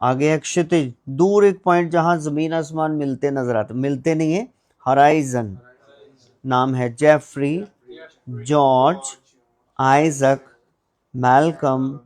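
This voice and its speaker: Slow, deliberate male teacher. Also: medium pitch, darkish tone. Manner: slow, deliberate word-by-word drilling. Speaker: English teacher. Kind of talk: pronunciation drill lesson.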